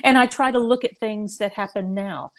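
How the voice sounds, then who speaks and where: A middle-aged woman speaks as a guest in a faith-based interview. She talks earnestly and haltingly, restarting her sentences and laughing lightly between thoughts. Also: mid-range voice. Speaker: guest, author and mother.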